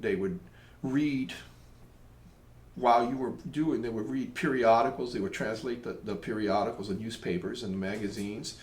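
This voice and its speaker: Man spinning local yarns, rambling and self-mocking, roomy echo. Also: medium pitch. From Tampa, Florida, USA. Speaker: local storyteller. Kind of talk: casual storytelling monologue.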